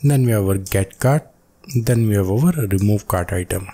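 Male coding tutor, voice-over, low relaxed tone, methodical dictation. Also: soft background music. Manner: slow, step-by-step dictation of code. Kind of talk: screen-recorded coding walkthrough. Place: voice-over on a screen recording.

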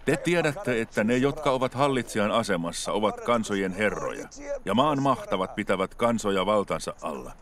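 A man voicing a calm grown male teacher and healer in dubbed film dialogue, speaking in an earnest, measured way. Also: fairly low pitch, voice pushed up. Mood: urgent. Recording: music playing clearly under the voice.

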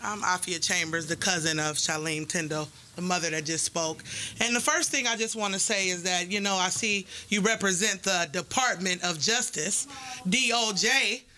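A woman giving forceful, defiant public comment at a podium microphone in a meeting hall, full of rhetorical questions. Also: fairly low pitch, moderate pace, a little hiss or hum.

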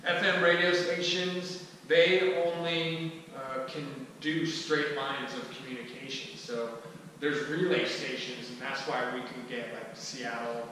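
Pushed and bright, with a medium pitch and level tone, this thirtysomething man explains things conversationally to a small skillshare group, stumbling a little as he goes. He's recorded from far away on a camera microphone in a big hall with a wooden floor and a mirror, so the sound is echoey with faint noise.

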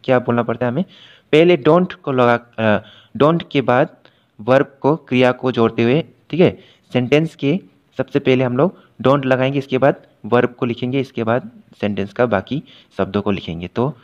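A man teaching an English grammar class, explaining patiently and repetitively, checking in often and reading English examples slowly before translating them. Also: mid-range voice, dull audio. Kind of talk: recorded class lesson.

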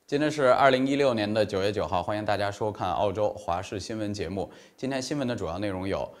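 A man's voice: fairly low pitch, fast talker. A man in his thirties reading scripted news as a formal anchor, recorded on a lapel mic in a small studio.

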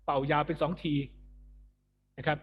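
A man's voice: a little high, flat delivery, normal speed, husky, dull audio. A man teaching a music lesson, chatty and joking, laughing at his own jokes. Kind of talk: recorded online lesson. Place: alone in an empty school building.

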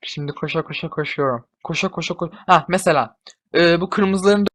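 A young man giving casual gameplay commentary, excitable, often swearing and shouting at his units. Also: fairly high pitch, moderate pace. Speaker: gamer.

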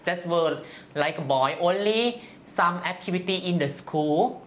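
An interviewee from Thailand's northeast responds with personal answers in simple, halting English colored by a Thai accent. The medium-pitched voice has lively intonation and a slight brightness, with a little background noise.

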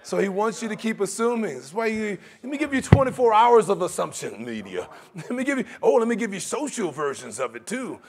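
A middle-aged man preaches a sermon in a large church sanctuary, his high-pitched voice swinging widely and moving a little fast. He talks conversationally and slips into mocking voices for his examples.

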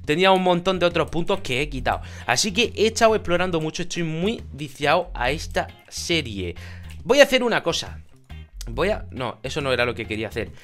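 Excitable high-voiced Spanish gamer. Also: male voice, fairly quick, soft background music. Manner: excitable, shouts in bursts of joy, chatty with viewers. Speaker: gaming YouTuber. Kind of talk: casual Minecraft let's play commentary.

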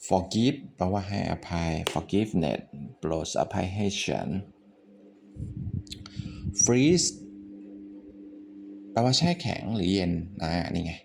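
A man with a Thai accent, teaching English vocabulary in a relaxed way, thinking out loud and swearing offhandedly. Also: low voice, slow pace, gravelly, pauses often, slight background noise. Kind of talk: casual spoken vocabulary lesson.

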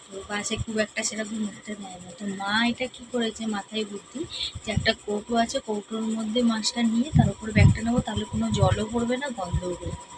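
A woman's voice: medium pitch, fairly even intonation, fast, over music, low-quality recording. A woman with a Kolkata Bengali accent chatting casually to her viewers in a vlog, confiding and often calling them friends. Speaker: vlogger.

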